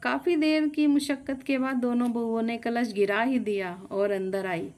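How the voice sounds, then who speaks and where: Woman reading out a family story, steady scripted narration. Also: on the high side, normal speed.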